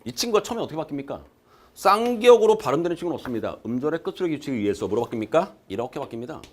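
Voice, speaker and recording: A male exam-prep lecturer with a voice on the high side talks very fast and expressively in a recorded lecture-room class, slight background noise audible. He emphasizes heavily, answers his own questions to students, and drills key terms through repetition.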